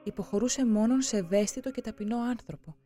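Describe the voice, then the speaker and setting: For a religious documentary, a narrator reads a script in a solemn, measured way. The voice sits at medium pitch and has a warm tone.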